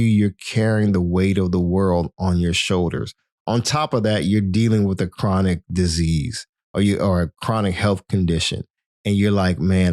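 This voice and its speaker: A man with a fairly low, darkish voice hosts a motivational health podcast, repeatedly encouraging the listener and calling them his friend. The recording is close and dry, with no room echo.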